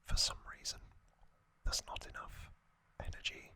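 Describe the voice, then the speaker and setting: In a sharp-toned, breathy whisper with no voicing, an ASMR host drifts through an unhurried explainer that feels improvised, pausing again and again.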